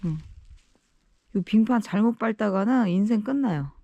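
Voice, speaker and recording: A woman's voice: medium pitch, animated, normal speed, mellow, dry recording, highs cut off. A woman talking casually to viewers on an outdoor vlog, nervously muttering to herself as she walks carefully. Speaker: solo backpacking vlogger. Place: outdoors in an icy valley.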